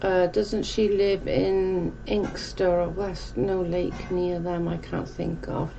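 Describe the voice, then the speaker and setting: This South Welsh livestreamer, a woman in her forties, talks casually with her audience and reads comments from a dimly lit room at home. She speaks slowly in a low, mellow, level tone. The sound is muffled and noticeably noisy.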